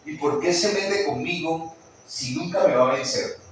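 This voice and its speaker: A man preaching a sermon in a church hall, animated and often putting questions to the congregation. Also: fairly high pitch, normal speed, slight background noise. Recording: echoey church hall, mic at a distance.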